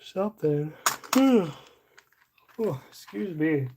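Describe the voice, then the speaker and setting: A woman streamer chatting casually as she sorts, thinking aloud with fillers and soft laughs. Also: sits low, slow pace. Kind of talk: casual livestream chat while sorting. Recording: audible background noise.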